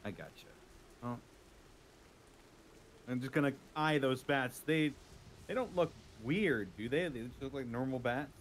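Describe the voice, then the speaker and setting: A man plays a tabletop role-playing game in casual chat. His delivery is wry and a little halting, with a very varied pitch. Faint noise sits behind him. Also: lively intonation. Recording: background noise, room ambience.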